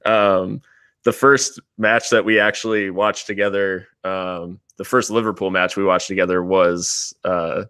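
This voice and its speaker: A man from the United States talks in an easy, rambling way, full of ums and restarts. His voice sits low and comes across smooth and resonant. The sound is close and dry, with no room behind it. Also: unhurried, no room sound. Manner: relaxed, rambling, many fillers and restarts. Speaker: podcast co-host, guest. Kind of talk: casual podcast chat.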